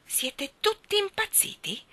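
A woman's voice: medium pitch, very animated, fairly quick, pushed and bright, no echo. A woman playing a stern, irritable doctor. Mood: irritated. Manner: severe, irritated.

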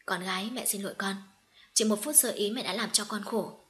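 A woman's voice: medium pitch, fairly quick, fairly bright tone, close to an everyday voice. Brief: a woman reading a weeping middle-aged mother in an audio story, level mid voice. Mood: remorseful. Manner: tearful, apologetic. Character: grieving middle-aged mother reunited with daughter.

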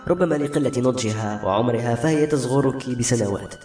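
A man voicing a bold, clever knight of twenty-eight who speaks bluntly and gruffly. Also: mid-range voice, a little fast, darkish tone, close to an everyday voice. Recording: roomy audiobook recording, faint music.

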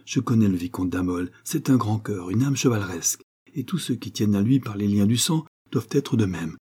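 A man reading an audiobook, voicing a countess who pleads in distress, in a raised, husky voice. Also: lowish voice, animated, a little fast, warm tone. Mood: distraught. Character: anguished noble countess, grown woman, devoted wife.

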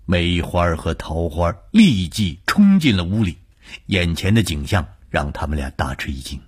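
A man narrating a scripted ghost story with a measured, suspenseful delivery. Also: deep voice, sing-song, slightly rough.

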